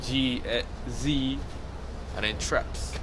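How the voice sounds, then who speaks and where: A man's voice: medium pitch, fairly even intonation, slow, fairly bright tone, a little hiss or hum, poor audio. A man talking to a vlogger in cocky, slangy banter on the street. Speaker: local passer-by. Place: outdoors on a town street.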